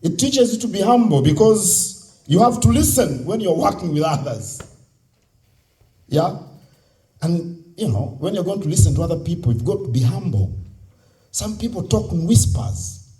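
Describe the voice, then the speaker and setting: A man's voice: sits high, lively intonation, normal speed, long pauses, mellow. A man with a Ugandan accent giving a motivational public speech, exhorting listeners with repeated key phrases and rhetorical questions. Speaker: speaker at a youth convention. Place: live on stage at a convention.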